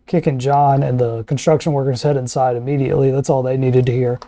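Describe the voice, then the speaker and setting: A man's voice: medium pitch, little pitch movement, fast talker, warm tone. A man casually narrating a tabletop role-playing game as game master.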